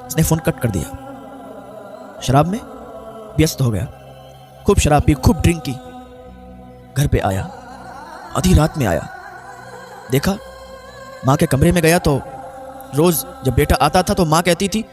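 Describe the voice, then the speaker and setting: A high-pitched male preacher delivers an emotional sermon story, piling up repeated phrases for dramatic effect. Soft music hums faintly behind him. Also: animated, measured pace, pauses often. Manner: repetitive, dramatic retelling. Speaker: maulana, preacher.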